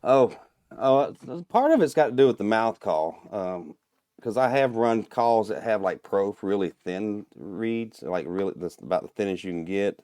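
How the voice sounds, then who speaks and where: Deep-voiced man explaining calmly. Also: normal speed, dry recording, clean studio sound. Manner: relaxed, explains step by step with fillers. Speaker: guest, turkey call maker. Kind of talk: casual podcast chat.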